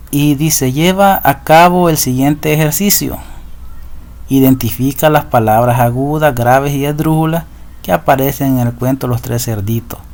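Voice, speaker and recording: Gravelly-voiced male Spanish teacher. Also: mid-range voice, darkish tone. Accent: Central American Spanish. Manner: patient, repeats rules and asks ¿verdad?. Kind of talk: recorded lesson explaining slides.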